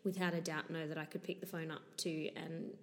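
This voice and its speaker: A woman's voice: low-pitched, flat delivery, a little fast, big-room sound. A woman from northeast Scotland with a Scottish accent, chatting casually and giggling as a musical theatre performer being interviewed. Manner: chatty, giggly, says "to be honest" often.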